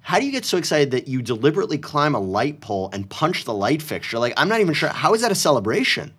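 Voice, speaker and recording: A man's voice: on the high side, big pitch swings, fast talker, fairly bright tone, husky. A man co-hosting a casual chat show, joking and reading out news stories with a playful manner. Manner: playful, jokey, puts on silly voices. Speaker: podcast co-host.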